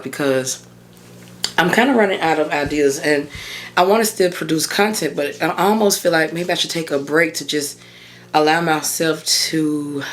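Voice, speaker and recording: A hoarse, deep-voiced woman in her thirties hosts a casual solo podcast as a mindset coach. She chats with her listeners in an informal, encouraging way.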